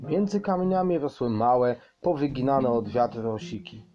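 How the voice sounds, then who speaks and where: A man reading a children's story aloud in a calm, measured way. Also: mid-range voice, highs cut off, over music. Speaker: audiobook narrator.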